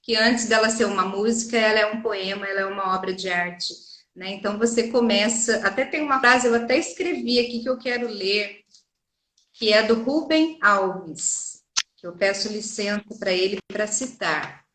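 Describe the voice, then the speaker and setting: A woman's voice: medium pitch, moderate pace, fairly bright tone. Brazilian woman teacher in echoey room. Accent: Brazilian Portuguese. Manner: earnest, explains with many examples and tag questions. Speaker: Portuguese and literature teacher. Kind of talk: interview conversation.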